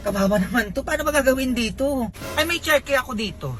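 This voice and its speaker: Woman doing a comedy skit, lively bickery banter, music going under it. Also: sits high, fast talker. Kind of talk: comedy skit, playing several roles.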